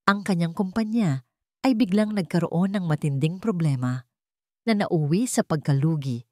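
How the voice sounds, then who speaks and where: A woman with a Filipino accent tells a dramatic story from a script at normal speed, her voice somewhat low for a woman and darkish in tone. The recording is dry and close, with little room ambience.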